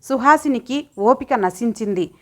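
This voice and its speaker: Woman narrator, audiobook story, steady expressive reading, fairly high voice. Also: measured pace.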